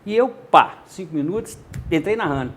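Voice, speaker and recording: A man's voice: on the high side, normal speed. An older man from Minas Gerais, with its regional accent, telling stories from his radio career in a casual interview and acting out the dialogue. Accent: Minas Gerais Brazilian Portuguese. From Montes Claros, Minas Gerais, Brazil. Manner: animated, acts out dialogue in voices. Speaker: journalist and radio narrator, guest.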